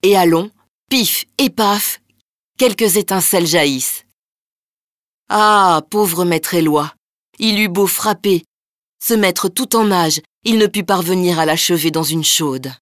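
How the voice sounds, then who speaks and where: A woman narrating a folk tale in a lively, rhythmic storytelling manner. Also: lowish voice, slow pace, dry recording, clean studio sound.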